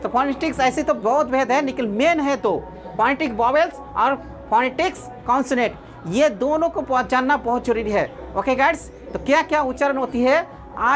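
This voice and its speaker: Woman teacher, repetitive, higher voice. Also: animated, moderate pace, soft background music. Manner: repetitive, asks rhetorical questions. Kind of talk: explaining to online students.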